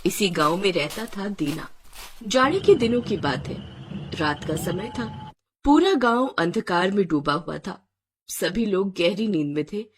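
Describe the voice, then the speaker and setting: A woman narrating an animated folk story in a dramatic, expressive storytelling style. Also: mid-range voice, unhurried, a little hiss or hum.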